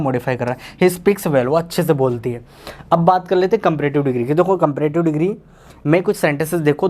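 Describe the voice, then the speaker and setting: A man's voice: fairly high pitch, a little mellow. Man teaching English grammar in Hindi. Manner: explains slowly, repeats and translates each example; calls viewers "bhaiya".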